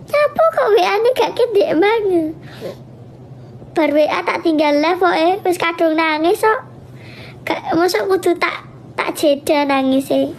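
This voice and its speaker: A young woman with a Javanese accent, chatting casually on a livestream and telling a story with animated laughs. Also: very high-pitched, unhurried, pauses often, slight background noise. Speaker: livestream host.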